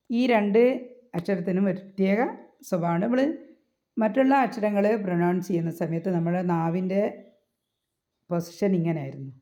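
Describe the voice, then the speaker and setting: A woman's voice: lowish voice, mellow. A woman teaching how to pronounce Arabic letters for Quran recitation, patiently repeating points and checking with her listeners. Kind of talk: explanatory lesson.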